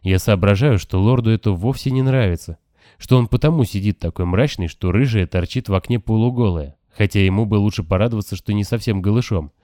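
A man reading a novel aloud in calm, even first-person audiobook narration. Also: lowish voice, brisk, no echo, clean studio sound. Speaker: audiobook reader. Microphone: close, dry home recording.

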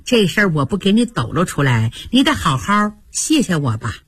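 A woman voicing a quick-witted young maidservant, pert and sharp-tongued in a storytelling broadcast. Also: fairly low pitch, sing-song, breathy edge, no room sound, voice pushed down, heavily acted. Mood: sly.

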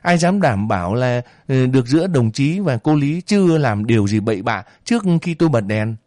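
A man's voice: mid-range voice, big pitch swings, moderate pace, warm tone, no echo, studio quality, natural voice. A man reading a story voices a male soldier who presses hard with accusing questions. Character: accusing male army comrade, sneering and righteous.

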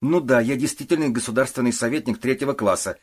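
A pushy, commanding woman, put on by a male narrator, lays down the law in a raised, strained voice with a husky edge. She is bossy and threatening, always insisting she is in charge. Audiobook reading. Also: mid-range voice, fast talker, pitched above the performer's own voice, lightly acted. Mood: insistent.

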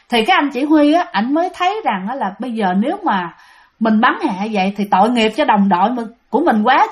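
A woman narrates a spooky tale in a high voice. She talks in a casual, chatty way, leans into the storytelling, and turns to her listeners often. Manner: chatty, addresses listeners directly. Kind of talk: spoken ghost-story narration.

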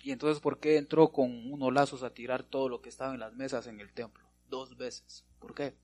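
Husky-voiced male pastor preaching. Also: medium pitch, level tone, a little fast, a little mellow. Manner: preaching with repeated amens and rhetorical questions to the congregation. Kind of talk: sermon.

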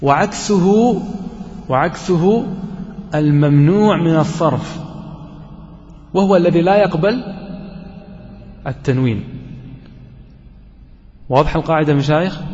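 A man's voice: a little high, a little mellow. Man teaching grammar in an echoey hall. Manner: explains slowly, asks the class questions and answers them himself. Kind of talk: classroom lesson. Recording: dull recording with long hall reverb.

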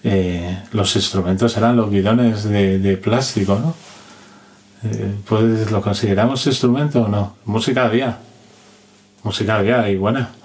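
Speaking at a moderate pace in a steady, slightly mellow, fairly low voice, a sound and music analyst with an accent from Spain is a guest in an interview. He tells casual, colloquial anecdotes, acting out people's words and adding little tag questions to check in.

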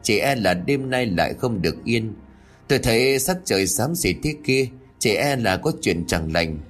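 A man's voice: on the low side, animated, moderate pace, faint music behind. A man voicing a grave old village exorcist.

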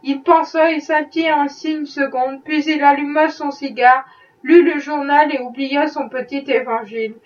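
A woman reading a classic novel aloud in an even, measured way. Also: high voice, distant mic, lo-fi sound. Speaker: audiobook reader. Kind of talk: novel narration.

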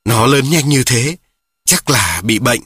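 A man's voice: medium pitch, expressive, unhurried, fairly bright tone, husky, no echo, clean studio sound. A man voicing a group of small, jealous wild mushrooms who gossip with scorn. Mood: scornful.

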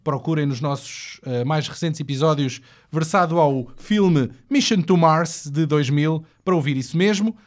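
A man hosting an interview in a playful, teasing way. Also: on the high side. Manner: playful, teasing, quick bursts. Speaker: podcast host.

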